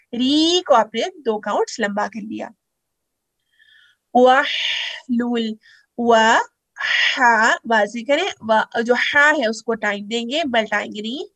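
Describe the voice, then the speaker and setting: A woman's voice: fairly high pitch, fairly bright tone, no echo. A woman teaching Quran recitation step by step, patiently drawing out syllables to demonstrate.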